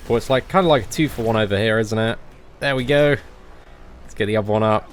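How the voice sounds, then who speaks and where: A man's voice: on the low side, fast, a little hiss or hum. Laid-back man giving game commentary. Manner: relaxed chatty guide, many fillers, excited bursts. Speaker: gaming channel host.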